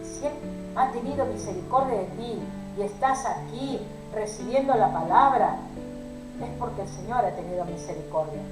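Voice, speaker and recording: A woman's voice: mid-range voice, normal speed, echoey room, music in the background, low-quality recording. A woman preaching a sermon to a women's group, pleading and emotional, addressing her listeners as sisters.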